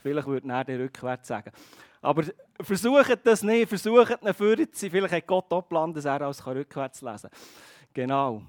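A man preaching a sermon, earnest, speaking straight to his congregation and slowing on key phrases. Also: a little high, lively intonation, dry recording, studio quality. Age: adult with a child.

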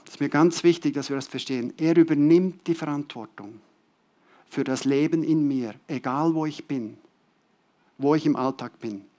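This sermon comes from a man whose voice is on the high side, speaking at normal speed. He leans on repeated key words and alternates loud, emphasized phrases with quiet drops.

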